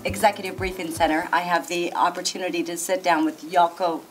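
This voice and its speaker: A woman's voice: fairly low pitch, flat delivery, fairly quick, music in the background, poor audio. Upbeat woman interviewer. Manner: eager, upbeat, checks understanding. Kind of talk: business interview. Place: executive briefing center.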